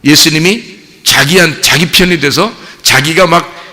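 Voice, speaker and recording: A male pastor preaching a sermon in a church, chatty and questioning, acting out quoted voices and swinging between hushed lines and shouts. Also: on the high side, a little slow. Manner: conversational, asks the congregation questions and laughs often. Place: church sanctuary. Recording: long reverb of a church hall.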